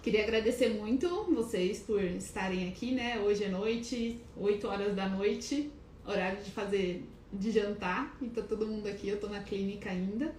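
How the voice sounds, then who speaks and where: A woman's voice: medium pitch, steady tone, normal speed, darkish tone. A woman hosting a casual live stream from her clinic, chatty and a little nervous, greeting viewers by name with many hesitant restarts. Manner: calls herself shy and nervous. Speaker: wellness live-stream host. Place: clinic office, indoors. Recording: echoey room, faint background noise.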